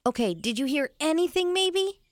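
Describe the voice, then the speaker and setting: A woman plays a sensible young boy in a family audio drama. The voice sits a little high and swoops lively in pitch as he calmly explains things, in a close, dry recording. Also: normal speed, dry recording. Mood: coaxing. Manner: calm, explains things gently.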